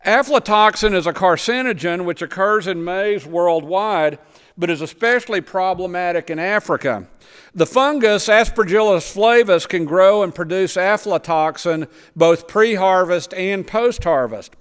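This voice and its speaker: In a high-pitched, clear and resonant voice with a slight brightness, this man unhurriedly explains farm work using slides in a church sanctuary. A missionary who lectures on agriculture, he occasionally stumbles over words, and long reverb fills the space.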